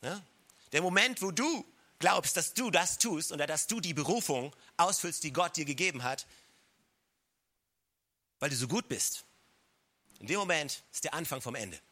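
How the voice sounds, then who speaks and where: A man preaching a sermon at a church service, speaking directly to his listeners and repeating lines for emphasis, sometimes dropping his voice low and soft to stress a point. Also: expressive, moderate pace, pauses often. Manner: drops to a low soft voice to stress key words. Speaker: pastor. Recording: live church recording.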